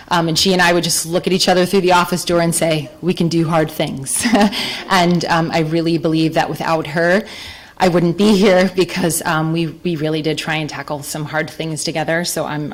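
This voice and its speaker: Woman, 40s, educator; heartfelt acceptance speech, slightly low voice, earnest and emotional. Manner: warm, emotional, earnest, with frequent um fillers. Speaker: elementary school educator accepting an award. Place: town hall council chambers.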